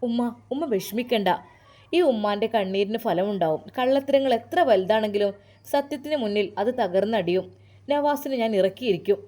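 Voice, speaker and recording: A woman's voice: mid-range voice, moderate pace, mellow, natural voice. A woman voicing a young female lawyer who speaks in a soothing yet firm way. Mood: reassuring. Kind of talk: storytelling with acted dialogue.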